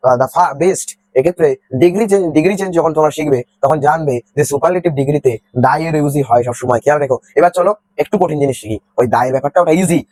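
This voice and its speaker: A man's voice: on the high side, darkish tone. A young man teaching a grammar lesson, explaining step by step, repeating words and answering his own questions.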